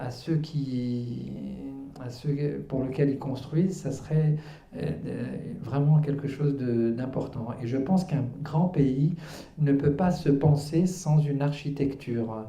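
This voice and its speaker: An author in his fifties, from Algeria and raised in Paris, answers questions as a guest at a public book talk in a cultural centre hall. Earnest but hesitant, he uses many fillers and restarts before pressing his point with conviction. His very dark, mellow voice is medium in pitch and rings through the roomy hall in lo-fi sound.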